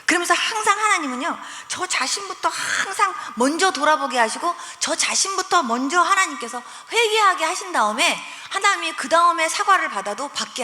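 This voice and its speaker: A woman pastor giving an animated testimony sermon, acting out conversations as she tells the story. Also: high voice. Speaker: guest pastor. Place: church sanctuary. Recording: reverberant church hall.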